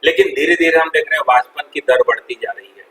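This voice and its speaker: A male teacher lectures in a bright, forceful voice, firing questions at the class and echoing back their answers. His voice rings around an echoey classroom with a faint hiss beneath it. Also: on the high side, fast. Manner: quizzes students and repeats their answers, calls them "beta". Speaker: chemistry teacher. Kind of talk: classroom lecture with call-and-response.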